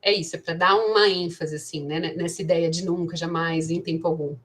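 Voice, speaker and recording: A woman's voice: fairly low pitch, fairly even intonation, a little fast, fairly bright tone. A woman teaching English grammar in an online class, thinking aloud with frequent restarts and "né".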